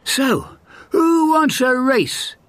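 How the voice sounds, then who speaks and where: A man voicing a boastful young male hare who brags and taunts in a high, lively voice. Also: extremely slow, no room sound, heavily acted. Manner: brash, bragging.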